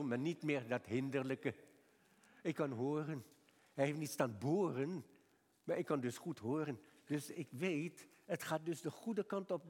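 Older male preacher in an echoing hall. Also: on the high side. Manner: lively storytelling, acts out dialogue with doctor. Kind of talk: sermon with personal anecdote.

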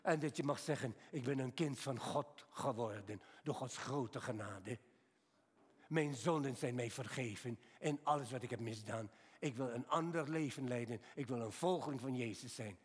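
A man's voice: medium pitch, normal speed, slightly rough. Older male preacher in a reverberant hall. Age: 70s. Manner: storytelling, swings from quiet to raised emphatic. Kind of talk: sermon.

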